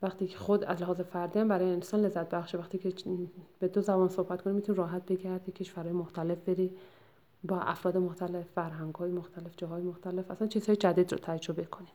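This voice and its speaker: A woman giving a lecture that summarizes a textbook chapter, explaining at a measured pace and often pausing to hesitate or correct herself. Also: fairly low pitch, level tone, warm tone.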